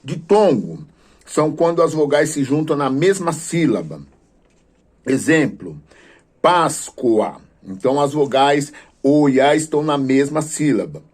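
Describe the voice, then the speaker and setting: A man teaching a grammar lesson for a theology course, pausing often with filler sounds before explaining steadily, with prayerful asides. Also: a little high. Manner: hesitant, many filler sounds and restarts, then steady explaining.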